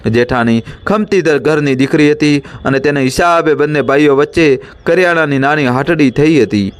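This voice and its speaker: A man reading a village story aloud as narrator, in a steady, measured way. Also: fairly high pitch.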